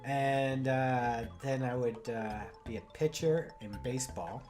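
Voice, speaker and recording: A man spins rambling, deadpan tall tales on a casual podcast, with his voice at an ordinary mid pitch. He hesitates and restarts often, filling gaps with ums and uhs. Soft guitar music plays faintly underneath. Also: measured pace. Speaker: podcast co-host. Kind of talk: casual comedic banter.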